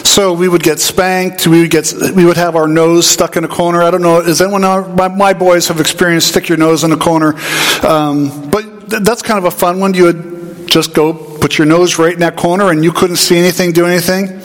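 A man preaching a sermon, an animated storyteller who acts out voices in his anecdotes. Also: high voice, moderate pace. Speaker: pastor. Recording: hall reverb.

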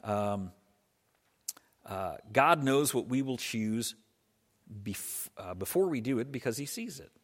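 A man's voice: mid-range voice, lively intonation, slow pace, pauses often. A man preaching a conversational sermon as pastor, explaining things patiently and often restarting his phrases. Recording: reverberant hall sound.

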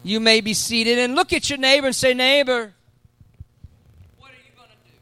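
A man preaching a sermon, calling out to his congregation and swinging between loud emphatic peaks and quiet storytelling. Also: extremely high pitch, fairly even intonation, moderate pace, clear, resonant tone, dry recording. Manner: preaching with call-and-response to the congregation. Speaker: pastor.

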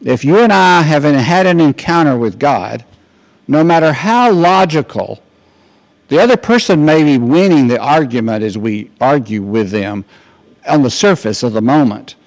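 An older man preaches in a loose, storytelling way. He often restarts his sentences, and his voice has a gravelly, creaky edge. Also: mid-range voice, expressive, moderate pace. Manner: rambling, anecdotal, many restarts. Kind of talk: informal sermon.

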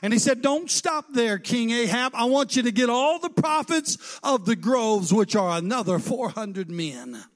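A male preacher with a strikingly high voice for a man delivers a fervent sermon. He retells a scripture story through dialogue, and his delivery lifts into a chanted, sing-song cadence before breaking into shouts at its peaks. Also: lively intonation, moderate pace, hardly any pauses.

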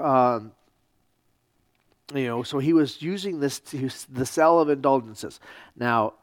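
A pastor teaches a church history class, lecturing casually in a medium-pitched male voice with halting ums and wry, sarcastic asides. The recording is dry and studio-clean.

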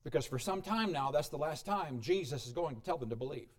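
A male preacher delivers a sermon in a high, very lively voice that swoops up and down. He reads scripture aloud and then explains it, dropping to a near hush and rising again with frequent chuckles. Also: fairly quick. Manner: dramatic shifts in pitch and volume, chuckles often.

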